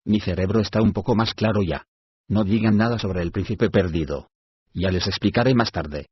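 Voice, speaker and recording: A man's voice: lowish voice, moderate pace, husky, no echo, dull audio. Glimfeather, a man voicing a fussy sleepy owl. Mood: fretful. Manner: hooting, muddled, frets it is too early. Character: fussy sleepy old male owl courtier.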